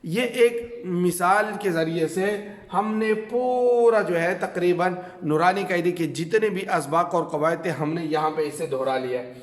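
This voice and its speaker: A man with a Pakistani Urdu accent leads a reading lesson at a whiteboard. He drills question after answer, pausing with fillers. His slightly high voice rings in a roomy space with long reverb. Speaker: Quran reading teacher. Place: classroom with a board. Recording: echoey room with long reverb.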